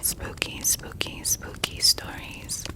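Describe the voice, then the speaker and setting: A person telling stories in a soft, breathy ASMR whisper, lingering over words and softly repeating some of them. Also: takes it slowly. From United States. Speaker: ASMR creator.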